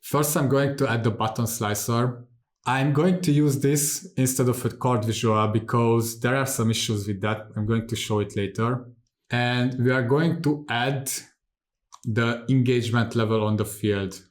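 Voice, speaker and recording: A man in his thirties from Hungary, calmly explaining software steps one by one in a screen-recorded tutorial, recorded seated in a home studio. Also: mid-range voice, unhurried. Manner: calm, methodical step-by-step explaining. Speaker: tutorial host.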